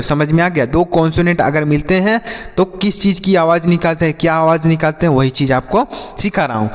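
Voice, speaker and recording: A man with a fairly high voice teaches an English phonics lesson and talks to the class as children. He slows down to spell out letters and answers his own questions. His voice trails off in a long, hall-like reverb. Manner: repeats questions and answers them himself, addressing children.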